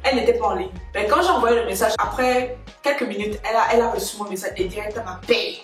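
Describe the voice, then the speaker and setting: A young woman vlogger telling a personal story in an animated, dramatic way. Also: mid-range voice, fast talker, faint music behind. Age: young adult. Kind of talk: storytime vlog. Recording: very echoey room.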